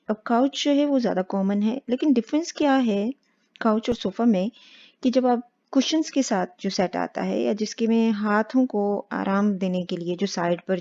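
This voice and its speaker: A woman teaching spoken English step by step, patient and slow on the English examples. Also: mid-range voice, warm tone. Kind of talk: explaining spoken English lesson. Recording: dull lo-fi sound.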